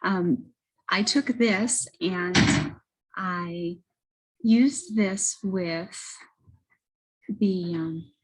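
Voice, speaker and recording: A woman giving a casual, halting product testimonial as a host, often correcting herself as she goes. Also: lowish voice, husky, poor audio. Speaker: host presenting wellness products. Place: library children's area. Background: children and banging in background.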